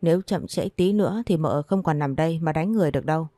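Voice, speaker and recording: Here is a woman reading a stern young master from an old storybook tale, a cool male doctor who gives short orders and brushes people off. The voice sits low and dark, and it comes across dry and close. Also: fast, no echo. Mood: indignant. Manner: curt and commanding.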